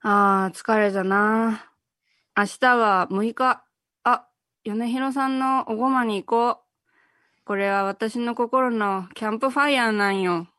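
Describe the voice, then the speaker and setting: A woman's voice: a little high, steady tone, slow pace, bright, forceful tone, no room sound. A woman puts on a young female office worker at the end of a long day. She drawls in a weary voice, recorded close and dry with no room around it. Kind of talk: ad line role-play.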